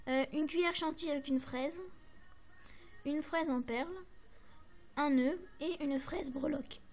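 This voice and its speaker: High-voiced French woman chatting about crafts. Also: steady tone, unhurried, darkish tone. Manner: chatty, hesitant, many fillers and apologies. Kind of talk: casual show-and-tell to camera.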